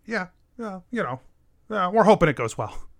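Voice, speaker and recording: Man playing a hesitant, friendly village tradeswoman, higher-pitched. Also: big pitch swings, normal speed, gravelly, dry recording, studio quality, full character voice. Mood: helpful, hesitant. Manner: hesitant, informal, helpful. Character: friendly female villager gem and boat trader.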